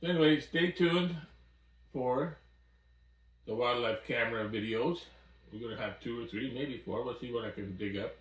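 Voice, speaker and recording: A man's voice: mid-range voice, moderate pace, pauses often, fairly bright tone. Easygoing older guy in his 60s yapping to camera in a cabin, sounds a bit far off n echoey. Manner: folksy, easygoing storyteller. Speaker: outdoors vlogger. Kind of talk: casual chat to camera. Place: small cabin by a wood stove, indoors. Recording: roomy sound from off-mic.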